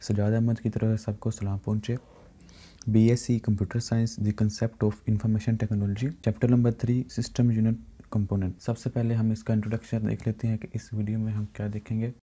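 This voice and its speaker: A man with a Pakistani Urdu accent teaching computer science in a recorded lecture, explaining in plain speech and reading English definitions slowly. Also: on the low side, flat delivery, mellow, slightly rough. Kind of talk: recorded lecture over slides.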